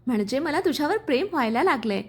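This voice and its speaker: A woman voicing a gentle, quietly loving young man in a storybook reading, speaking softly. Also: high-pitched, expressive, quick pace.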